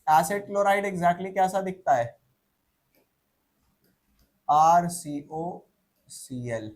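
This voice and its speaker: A man's voice: very high-pitched, steady tone, a little slow, a bit bright. A male teacher giving a casual chemistry lecture, quizzing the class over and over and answering himself in a slangy, teasing way.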